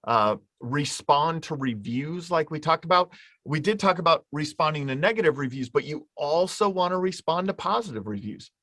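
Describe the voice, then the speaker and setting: A man's voice: fairly high pitch, expressive, moderate pace, bright, forceful tone, no room sound, clean studio sound. A man presenting a marketing webinar in an informal, conversational way, explaining with hypothetical examples.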